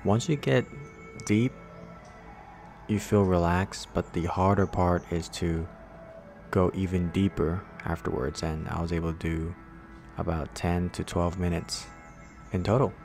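A young man with a deep voice narrates casually as a vlogger. He recounts things in a conversational way, with music playing behind him. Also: level tone, unhurried. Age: young adult.

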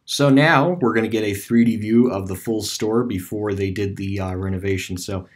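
On a screen-recorded map tour of a closed store on street view, a video creator rambles casually with many fillers and restarts. His voice sits on the low side and moves at normal speed.

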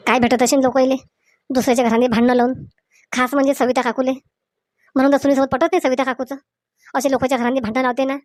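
The voice is a tearful, defensive young daughter-in-law, acted by a woman. She sits high in pitch and pleads, repeating her words of address. The recording is dry and close, with no room sound. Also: level tone, fast talker, pauses often, a little mellow, no room sound, natural voice. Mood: resentful. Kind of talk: comic skit acting.

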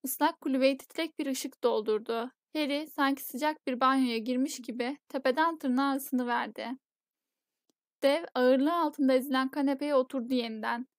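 A woman narrating a novel as an audiobook in a steady, measured storytelling voice. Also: high voice, dry recording, studio quality.

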